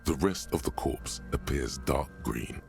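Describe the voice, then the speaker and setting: An actor playing the narrator of a video game, speaking in a hushed, portentous way. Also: male voice, rumbling low, measured pace, vocal fry, faint music behind, heavily acted. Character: ominous male game narrator.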